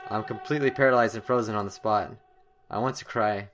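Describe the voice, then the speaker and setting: A young man hosts a gaming video of a horror game playthrough, reading the story text aloud with excitable drama and stumbling now and then. His voice is lowish and his pace brisk.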